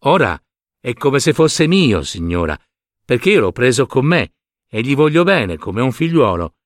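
A man voicing a warm-hearted woman market gardener in a storybook reading, earnest and heartfelt. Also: mid-range voice, big pitch swings, measured pace, no room sound, clean studio sound.

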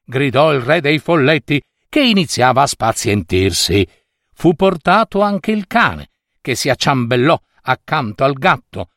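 A man reading a fairy tale aloud in an expressive, playful way. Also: mid-range voice, unhurried, no room sound, studio quality. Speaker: storyteller.

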